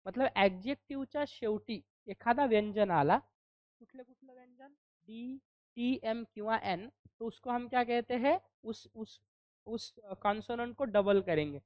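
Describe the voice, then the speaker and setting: High-voiced woman teaching slowly. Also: a little mellow, no room sound. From India. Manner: asks questions and answers them herself, reads rules slowly and spells words out. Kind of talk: classroom grammar lesson.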